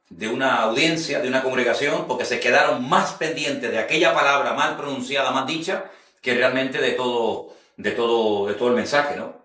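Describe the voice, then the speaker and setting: A male preacher gives an earnest teaching talk and often repeats a phrase to press a point home. His voice sits at a middle pitch. It carries a roomy echo, as if he stands some way from the mic. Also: bright, forceful tone, distant mic. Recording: roomy echo, speaker set back from the mic.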